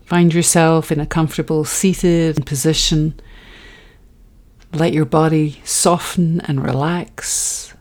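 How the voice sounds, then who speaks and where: A woman guiding a relaxation and breathing exercise in a soft, soothing, unhurried way, with phrases that trail into breathiness. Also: sits low, level tone. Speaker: guided breathing meditation instructor. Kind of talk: guided relaxation meditation.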